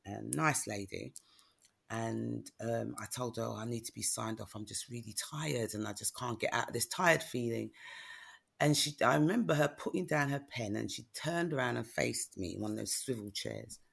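Husky-voiced woman telling her story. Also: a bass voice, moderate pace. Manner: candid, often asks "do you know what I mean?". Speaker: guest, author. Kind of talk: personal storytelling in conversation.

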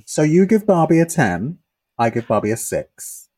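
A man's voice: a little high, sing-song, normal speed, darkish tone, husky, no room sound. A young man, co-hosting a podcast in sassy, opinionated chat. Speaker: podcast co-host. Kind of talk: casual chat.

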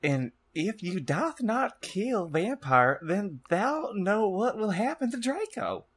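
A man voicing a cruel, menacing dark wizard villain in a comic fan fiction reading, with commanding mock-archaic delivery. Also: high-pitched, big pitch swings, slow pace, breathy edge, pitched above the performer's own voice, full character voice. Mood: cruel, threatening.

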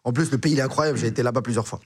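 Husky-voiced man telling a story. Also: mid-range voice, rapid-fire. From Morocco. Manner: animated, acts out dialogue. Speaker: comedian guest. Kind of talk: casual storytelling.

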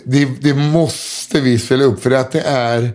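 A man's voice: medium pitch, steady tone, a little mellow. Man, podcast host telling stories, rambling and full of fillers. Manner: rambling, lots of hesitation fillers and restarts. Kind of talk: casual storytelling chat.

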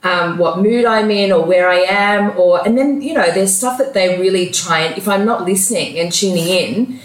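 A woman's voice: medium pitch, moderate pace. Earnest woman guest in echoey room. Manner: earnest, heartfelt storytelling. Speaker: spiritual coach guest. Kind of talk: interview conversation. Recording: roomy echo.

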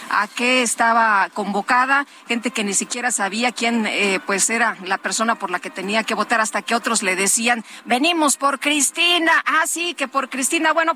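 A woman co-hosting a morning news broadcast from an open-air terrace, chatty and lively, with many fillers. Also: a little high, slight background noise. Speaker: news co-host reporter.

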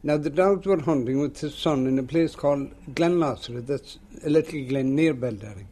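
An elderly man with a rural western Irish accent tells a tale aloud in a lilting, unhurried storyteller's way. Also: medium pitch, dark tone. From rural west of Ireland. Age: older, seventies or above. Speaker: local folklore teller. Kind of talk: oral storytelling in an interview.

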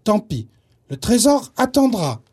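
Man playing a happy kid in a storybook, high, bouncy voice. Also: big pitch swings, unhurried, breathy edge, exaggerated voice. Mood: cheerful. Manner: hesitant, then bright and cheerful. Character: local boy, cheerful and knowing. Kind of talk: storybook narration.

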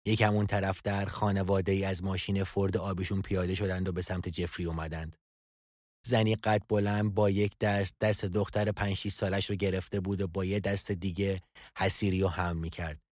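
A man narrating a scripted audio drama in a calm storytelling delivery. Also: low voice, no room sound. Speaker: narrator and writer of a podcast drama. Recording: dry studio voice with soft music.

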